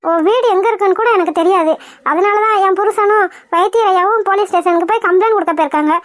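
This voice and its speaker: A woman's voice: very high voice, fast talker, no echo, studio quality. A woman voicing a kind, patient housewife in a cartoon who coaxes and soothes. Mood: soothing. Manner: soothing, coaxing. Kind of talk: cartoon voice acting.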